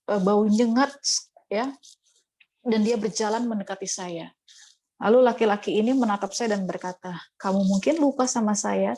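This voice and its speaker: A woman's voice: medium pitch, a little mellow. A woman evangelist telling her testimony as a sermon to women, storytelling dramatically and crying out the prayers she quotes.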